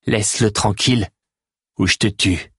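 A man's voice: on the low side, normal speed, husky, no room sound, clean studio sound. A man doing a firm, steely young man. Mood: firm threat. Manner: firm, steady warnings.

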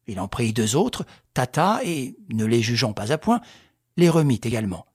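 A male narrator reads a novel with a very husky voice and a lively, swinging intonation. His telling is measured and expressive. The recording is close and dry. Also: mid-range voice, no echo. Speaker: audiobook narrator.

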